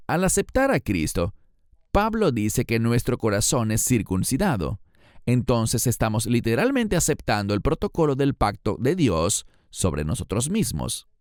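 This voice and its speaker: A man giving a scripted Bible lesson in a measured, explanatory way. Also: medium pitch, darkish tone, dry recording, studio quality. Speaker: Bible teacher.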